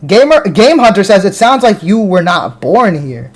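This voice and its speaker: Reading his live stream's chat aloud, this American man talks back to viewers casually and keeps restarting his words. He speaks at a normal speed in a high voice with big pitch swings.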